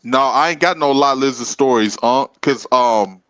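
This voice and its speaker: Animated man telling road stories, dry mic. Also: moderate pace, no room sound, low-quality recording. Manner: animated, rises loud and high when acting out confrontations. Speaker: podcast co-host. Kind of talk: casual storytelling.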